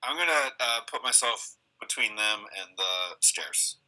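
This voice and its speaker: A man's voice: lowish voice, expressive, measured pace, pushed and bright, rough recording. A man playing a tabletop game online, answering in short, laid-back replies and asking questions. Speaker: player. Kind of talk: casual tabletop play.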